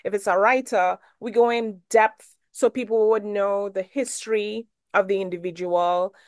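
A woman's voice: medium pitch, steady tone, normal speed, dry recording, studio quality. Chatty woman from Trinidad hosting. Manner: chatty, friendly questioning. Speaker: show host. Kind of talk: casual interview hosting.

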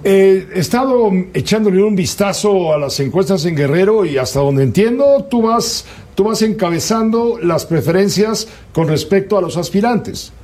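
High-voiced, mellow news host. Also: male voice, animated, moderate pace. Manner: needling, pointed questions. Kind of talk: interviewing a guest.

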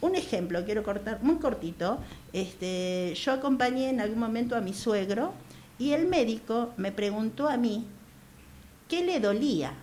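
A woman's voice: a little high, lively intonation, moderate pace, a little mellow, slight background noise. Earnest Argentine woman in her sixties. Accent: Argentine Spanish. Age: 60s. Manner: earnest, emphatic, repeats phrases, many hesitations. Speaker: guest, activist for older women. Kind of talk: radio interview.

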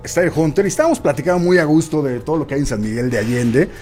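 A man hosting a casual radio interview, his pitch rising and falling freely as he jokes and heaps praise on his guest. He talks in an easygoing, effusive way, with a faint music bed under his voice. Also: animated, fast talker, a little mellow. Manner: chatty, playful, effusive. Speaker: radio show host.

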